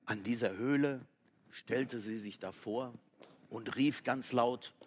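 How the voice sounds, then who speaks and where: Slow, lively male storyteller. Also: medium pitch. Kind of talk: children's story narration.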